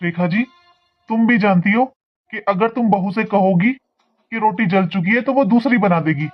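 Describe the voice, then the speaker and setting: A man playing a calm older father-in-law who reasons gently and lectures his wife. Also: high voice, moderate pace, muffled recording, soft background music.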